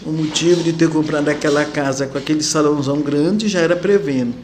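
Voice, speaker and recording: A woman's voice: sits low, fast, slight background noise. A woman being interviewed as an activist, recalling the past in casual talk and acting out the voices of the people she quotes. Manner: lively storyteller who acts out quoted voices. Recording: echoey room.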